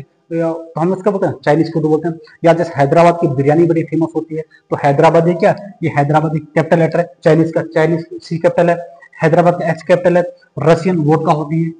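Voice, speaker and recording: A man teaching an English grammar lesson in a high voice, with a long reverb trailing after his words. He puts questions to the class and answers them himself. He says the English example sentences slowly, then explains them at a quicker pace. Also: little pitch movement, dark tone. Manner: moves from slow, drawn-out English examples to quick Hindi explanation.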